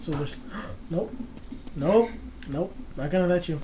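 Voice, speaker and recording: A man's voice: a little high, animated, unhurried, warm tone, slight background noise. A man watching his friend play a horror game, giving urgent backseat instructions. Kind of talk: casual let's-play commentary.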